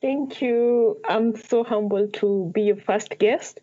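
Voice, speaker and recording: A woman's voice: fairly high pitch, takes it slowly, mellow, muffled recording. A young woman from Kenya with a Kenyan accent, answering questions casually as a podcast guest. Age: young adult. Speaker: podcast guest, ice hockey player.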